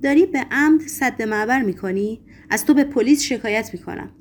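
A woman reading a storybook voices a frantic, agitated young male poet who shouts accusations. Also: on the high side, animated, slight background noise. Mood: angry. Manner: raised, urgent, accusing delivery.

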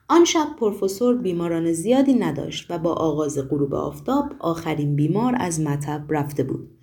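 A woman narrating a novel aloud in a measured, even reading style. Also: on the low side. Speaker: audiobook narrator. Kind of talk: storybook narration.

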